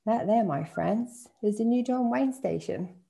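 Lady putting on a cockney cabbie, slow chummy talker, gravelly. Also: a little high, lively intonation, mellow, pitched above the performer's own voice. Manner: chummy, slow, rhyming slang. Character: jovial Cockney cabbie, chatty, rhyming slang.

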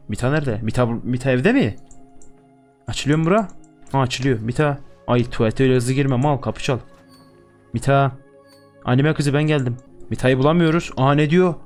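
Young man, crude swearing gamer commentary, mid pitch. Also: a little mellow. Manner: crude, joking, swears constantly. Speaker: gaming YouTuber. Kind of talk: let's-play commentary.

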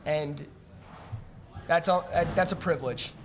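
A man's voice: a little high, slow pace, noisy background. A young man, a college lacrosse player, speaking casually with many fillers into a table microphone at a postgame press conference. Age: young adult. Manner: casual, fills with "like". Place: press room in front of a curtain. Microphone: table mic on a stand.

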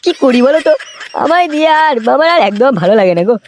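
A woman's voice: high-pitched, big pitch swings, fast, a little hiss or hum. Cranky old cartoon grandfather. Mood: lamenting. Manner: pleading, then snapping with coarse insults. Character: cranky old grandfather, grumbling and foul-mouthed. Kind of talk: cartoon voice acting.

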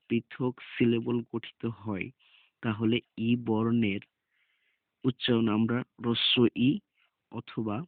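Male teacher, deliberate and repetitive delivery, gravelly voice; dry, lo-fi phone-like recording. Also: mid-range voice, dry recording. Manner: slow, deliberate, repeats words and meanings. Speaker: English reading teacher. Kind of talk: spelling-out lesson.

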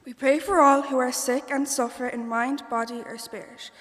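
Woman, higher pitch, careful prayer reading, long reverb. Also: steady tone, normal speed.

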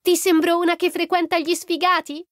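A woman's voice: very high-pitched, flat delivery, moderate pace, fairly bright tone, no room sound, clean studio sound, pitched above the performer's own voice. A woman voicing a bubbly, vain teenage girl who talks in a gushing, showy way.

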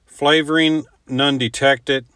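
An American man in his fifties giving a casual, halting voice-over description of a product. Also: on the high side, steady tone, sharp tone, no room sound. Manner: halting, informal. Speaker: host of a pipe tobacco review show.

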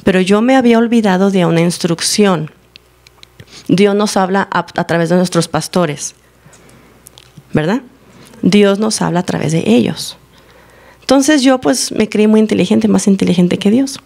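A woman giving a teaching and testimony to her congregation, telling her story with lively acted-out dialogue. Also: medium pitch, moderate pace, vocal fry, long pauses. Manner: animated storytelling, acting out dialogue. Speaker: church member giving a teaching. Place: church service, recorded live.

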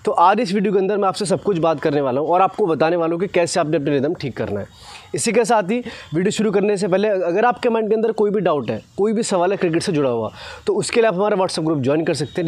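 Talking fast with lively intonation, a male cricket fast-bowling coach and presenter in his 20s explains technique to camera in coaching style, dropping in short tag questions. His voice is a little high and a little mellow, recorded with no echo on a lapel mic outdoors at an open grassy cricket ground.

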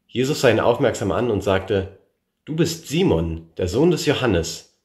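A man with a fairly low voice reads a Bible passage aloud, measured and clear. He lifts his voice for the speakers he quotes. The recording has a noticeable room echo. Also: very animated, a little mellow. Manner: measured reading, gives the quoted speakers a lift. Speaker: scripture reader. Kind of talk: bible reading.

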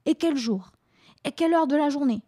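A grumpy old Winter with a snowy beard, freshly woken and annoyed, as a woman reading a storybook on air puts him on. He grumbles crankily in a raised, mellow voice. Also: sits high, moderate pace, pitched above the performer's own voice, natural voice.

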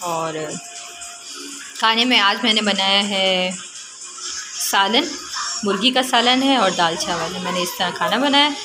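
A woman's voice: medium pitch, a little slow, pauses often, over music, low-quality recording. A young woman in a casual home vlog, chatting about her chores and talking with her husband. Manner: coaxing, scolding tone with children. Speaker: vlogger and mother.

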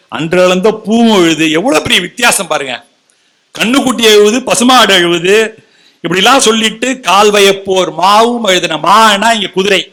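A man giving a literary oration in Tamil, chanting verse lines slowly and then explaining them in quick colloquial asides. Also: high voice, pushed and bright. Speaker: orator.

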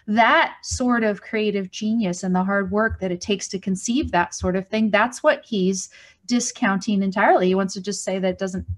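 A woman's voice: medium pitch, normal speed. A woman co-hosting a live show, chatting casually and thinking aloud with fillers and restarts. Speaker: co-host.

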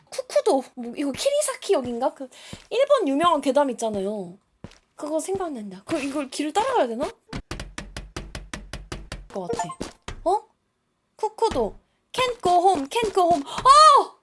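A woman's voice: very high voice, a little hiss or hum. A woman streaming a horror game live, chatting to viewers and shrieking when startled. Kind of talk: live gameplay commentary.

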